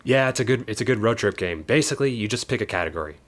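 A man's voice: on the low side, expressive, very fast. A man co-hosting a podcast in casual chat, laid-back and swearing offhandedly. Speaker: podcast co-host.

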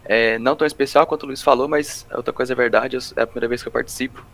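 A man's voice: mid-range voice, fairly even intonation, very fast, fairly bright tone. A man with a Brazilian accent chatting informally as a guest on a podcast. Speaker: podcast guest, Scrum Master. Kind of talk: casual self-introduction.

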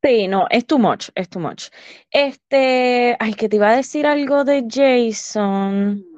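A woman's voice: a little high, slow, no echo, highs cut off. A woman co-hosting a podcast, chatting casually and acting out quotes with English words mixed in. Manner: animated, acts out quotes, mixes English words. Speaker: podcast co-host. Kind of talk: casual gossip chat.

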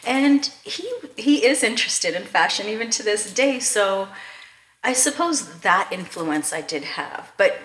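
Bright-voiced woman, from Canada. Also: mid-range voice, expressive, a little slow, roomy sound, slight background noise. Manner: enthusiastic, laughs often, many fillers. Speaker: podcast guest. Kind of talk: casual interview chat.

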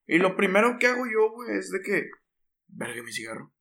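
A man's voice: high voice, very animated, fairly quick, creaky, bright, forceful tone. A man with a northern Mexican accent from Monterrey, co-hosting a podcast and telling a story in casual chat, with heavy crude slang and frequent restarts. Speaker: podcast co-host.

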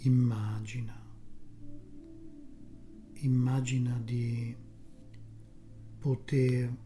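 Very slow, soft, whispery meditation guide. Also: medium pitch. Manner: soft, breathy, half-whispered, soothing, with long pauses between short phrases.

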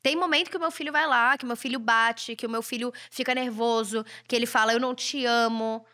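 A woman's voice: a little high, steady tone, quick pace, sharp tone. A Brazilian woman in her thirties hosting a podcast, giving a blunt, provocative motivational monologue with casual swearing. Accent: Brazilian Portuguese. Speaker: podcast host.

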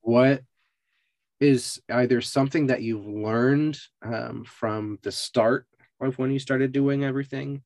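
A man's voice: mid-range voice, fairly even intonation, takes it slowly, a little mellow, dry recording. A man hosting a podcast interview, asking questions in loose, hesitant phrasing full of "like". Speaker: podcast host. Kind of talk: casual interview chat.

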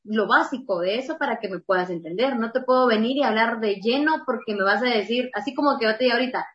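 A woman's voice: on the high side, fast, fairly bright tone. A woman explaining ideas about communication patiently in casual talk. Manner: explanatory, laughs easily. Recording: roomy, dull lo-fi audio.

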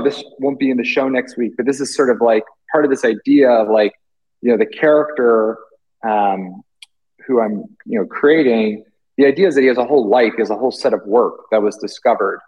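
Husky british guy, artist, lots of um and you know, chill interview vibe. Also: mid-range voice, normal speed, darkish tone, low-quality recording. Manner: hesitant, full of fillers and restarts. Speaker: artist guest. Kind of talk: casual interview chat.

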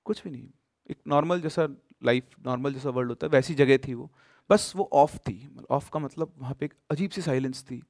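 A man casually telling a horror story, with emphatic bursts and sudden hushed drops. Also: medium pitch, a little fast, no echo, studio quality.

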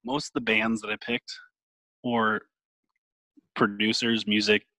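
A man's voice: lowish voice, little pitch movement, measured pace, bright, forceful tone, dry recording. A man co-hosting a casual podcast, running a music quiz game in a playful, chatty way with sing-song announcements. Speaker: podcast co-host and game runner.

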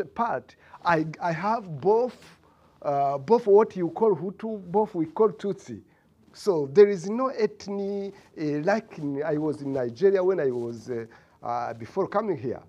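Halting Rwandan-accented man, slightly high voice. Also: warm tone. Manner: halting, searching for words, repeats phrases. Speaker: congregation member giving testimony. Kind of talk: spoken church testimony.

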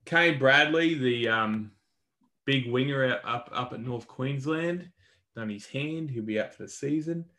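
A man's voice: medium pitch, unhurried, sharp tone. An Australian man co-hosting a podcast, giving a casual, colloquial rundown of sports news in a matey way. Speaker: podcast co-host.

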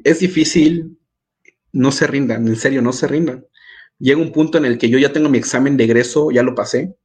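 A young man from Mexico, a student guest in a casual podcast interview, telling stories in an animated way and acting out his own past words. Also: mid-range voice, husky. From Mérida, Yucatán, Mexico. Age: young adult.

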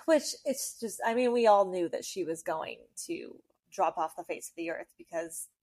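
A woman's voice: lowish voice, animated, normal speed, a little mellow, dry recording. Blunt, profane woman podcast co-host. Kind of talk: casual chat about a reality show.

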